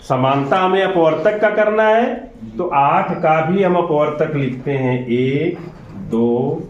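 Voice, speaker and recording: Slow, patient male teacher in an echoey classroom. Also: on the high side. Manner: patient, keeps checking understanding with questions. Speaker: school teacher. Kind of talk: classroom lesson. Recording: echoey, dull lo-fi classroom recording.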